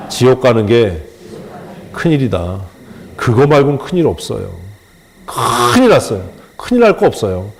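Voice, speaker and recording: A man's voice: medium pitch, darkish tone. A male pastor preaching a sermon in a colloquial, humorous way, acting out little dialogues as he goes.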